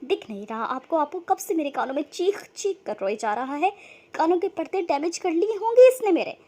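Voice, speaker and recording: A woman voicing a sharp-tongued young woman about to be married, who talks in cheeky, mocking banter. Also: very high-pitched, expressive, a little fast. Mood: teasing.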